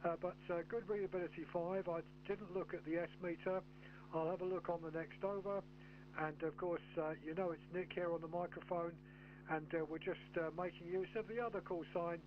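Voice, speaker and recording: Through dull, humming, noisy audio comes a man with a high-pitched voice operating an amateur radio station. He talks in radio contact style with spelled-out callsigns, in a methodical and somewhat hesitant manner. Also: fairly even intonation, a little fast.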